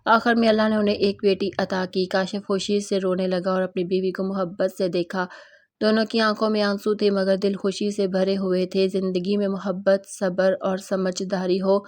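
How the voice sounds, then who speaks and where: A woman's voice: mid-range voice, little pitch movement, a little mellow, no room sound. Woman reading a love story aloud. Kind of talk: scripted story narration.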